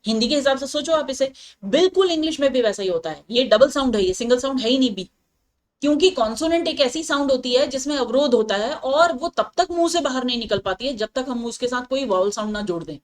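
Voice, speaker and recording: A woman English teacher, a native Hindi speaker, explains grammar patiently, repeats her points, checks that students follow, and reads example sentences slowly. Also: high voice, lively intonation.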